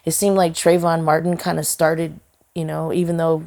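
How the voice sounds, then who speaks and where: A woman singer and songwriter is interviewed in a relaxed podcast conversation. Her voice sits low and has a gravelly edge. She speaks earnestly from the heart, with lots of "you know" fillers and restarts. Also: normal speed.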